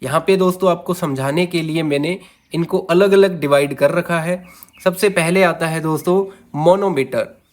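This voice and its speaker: A man's voice: a little high, normal speed. A man teaching an English lesson to viewers, sounding out words syllable by syllable and often addressing them as friends. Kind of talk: classroom-style video lesson.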